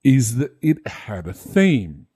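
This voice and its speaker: A man co-hosting a podcast, explaining things in a relaxed way with many fillers. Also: medium pitch, slow, breathy edge, dry recording, clean studio sound. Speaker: podcast co-host, convention marshal. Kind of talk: casual chat.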